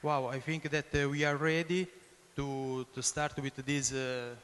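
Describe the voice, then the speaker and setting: A man introduces conference speakers as session chair, in hesitant, halting English. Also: mid-range voice, flat delivery, a bit bright. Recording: hissy, reverberant hall sound.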